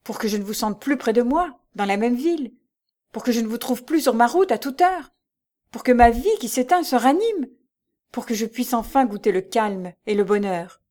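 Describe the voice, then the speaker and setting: A woman's voice: a little high, sing-song, moderate pace, darkish tone. A woman reading aloud and voicing a jealous rich young woman who speaks in a cutting, commanding way and turns to tearful pleading. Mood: hissing.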